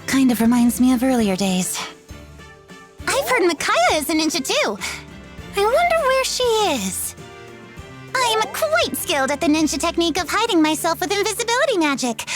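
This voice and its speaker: A woman voicing a bubbly, teasing young female ninja in a video game, excitable and theatrical. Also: high-pitched. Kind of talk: video game character voice lines.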